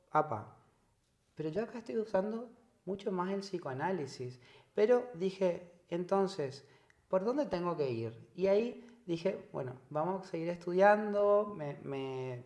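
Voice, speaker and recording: Argentine man, psychologist guest, slightly high pitch, thoughtful and halting, echoey room. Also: darkish tone. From northern Argentina. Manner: reflective, repeats words while searching for phrasing. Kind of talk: conversational interview.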